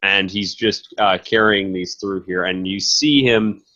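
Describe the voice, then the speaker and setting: A man narrating a tabletop game as game master, improvising and often halting to search for words. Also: deep voice, fairly even intonation, pushed and bright, dull audio.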